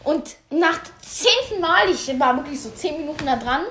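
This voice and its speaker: A woman's voice: sits high, animated, normal speed, sharp tone, reverberant, a little hiss or hum. A young woman co-hosting a podcast in casual chat, giggling often and rambling as she loses her thread. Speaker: podcast co-host.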